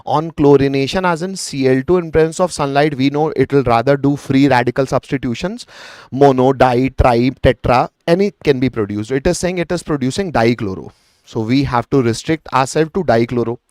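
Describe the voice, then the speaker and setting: Male teacher, Indian accent, mid-pitched voice, close dry sound. Explains step by step to exam students, conversational, with Hindi mixed in. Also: a little fast, a little mellow, smooth, dry recording. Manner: mixes Hindi into English, addresses students as beta. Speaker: chemistry teacher. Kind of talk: live online exam lesson, explaining and answering student questions.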